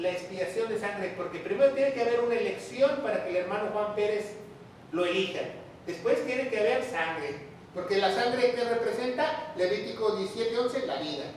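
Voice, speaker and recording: A man's voice: high-pitched, slight background noise. A man preaching a Bible teaching sermon as pastor, emphatic, repeating key phrases and throwing rhetorical questions at his listeners. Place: church or large hall, with the sermon streamed online. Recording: very echoey room, voice far from the mic.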